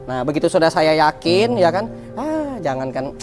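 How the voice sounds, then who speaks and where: A man telling his personal story as a guest in an interview, animated, repeating words for emphasis and acting out dialogue. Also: a little high, normal speed, music in the background. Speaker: guest, founder of a free restaurant.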